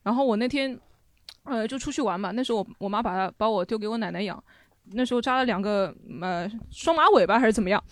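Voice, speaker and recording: Brisk, wry woman telling a story. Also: mid-range voice, no room sound, clean studio sound. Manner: wry, deadpan quips. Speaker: podcast co-host. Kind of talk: casual storytelling chat.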